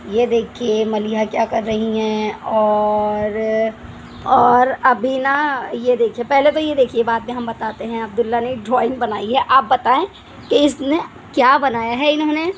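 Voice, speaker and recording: A woman's voice: on the high side, steady tone, measured pace, slight background noise. A young mother in a casual family vlog, talking to viewers while scolding and cooing at her small children. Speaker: vlogger mother.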